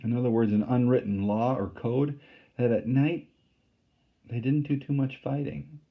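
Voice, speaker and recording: A man's voice: mid-range voice, fairly even intonation, unhurried, phone-quality sound. A man reading a novel aloud to a class and explaining passages in a plain, casual tone. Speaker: teacher.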